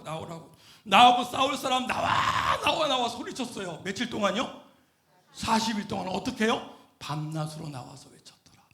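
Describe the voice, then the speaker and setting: A middle-aged male pastor giving a lively sermon, questioning the congregation and shouting at the high points. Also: creaky, echoey room. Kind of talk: lively sermon with call-and-response. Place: church sanctuary.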